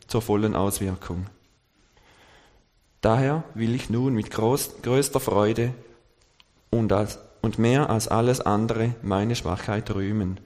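A man giving a sermon at a halting pace, searching for words and slowing down for scripture quotes. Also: on the low side, a little mellow. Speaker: lay preacher. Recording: long church reverb.

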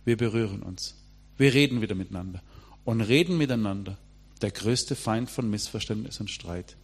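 A man's voice: lowish voice, moderate pace, slightly rough. A middle-aged man preaching a sermon, speaking emphatically and addressing the congregation directly.

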